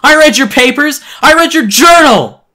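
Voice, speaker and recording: A man's voice: very high voice, expressive, moderate pace, pushed and bright, voice pushed up, full character voice. A screaming eight-year-old boy. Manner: screaming, frantic accusations.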